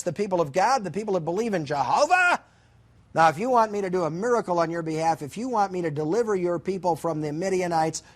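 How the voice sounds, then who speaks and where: A man's voice: a little high, natural voice. A man voicing a stern, exasperated divine messenger who gives blunt orders. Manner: brusque, commanding, matter-of-fact.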